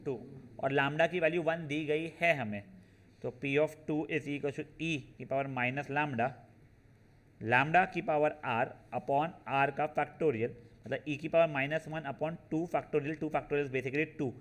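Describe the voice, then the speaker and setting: A math teacher with a fairly bright, on-the-high-side voice and fairly even intonation lectures a class on probability. He works through formulas step by step, slowing down on them, calls his students "beta," and often checks in with "theek hai na."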